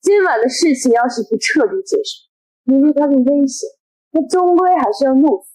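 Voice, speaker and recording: An actress playing a cold, vengeful young woman who speaks in a measured, coolly threatening way. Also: high voice, animated, darkish tone, rough recording. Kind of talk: short web drama acting.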